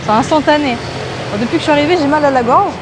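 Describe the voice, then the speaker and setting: A woman's voice: sits high, racing, noisy background. A young woman travel vlogger chatting casually while walking through a guest house, talking into a handheld camera with many fillers and restarts. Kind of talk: casual vlog chat, walking tour.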